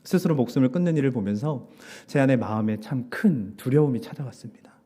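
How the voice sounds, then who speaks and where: A man's voice: medium pitch, animated, fast talker, mellow. A man, a pastor, preaching a Sunday sermon as a personal testimony, often dropping to a whisper for his inner thoughts. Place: church sanctuary.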